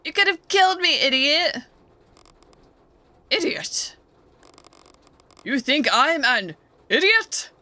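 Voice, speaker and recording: A woman's voice: medium pitch, animated, sharp tone, no room sound. A woman voicing a blunt, sarcastic young apprentice in a game. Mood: angry. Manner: sarcastic, rude, quick.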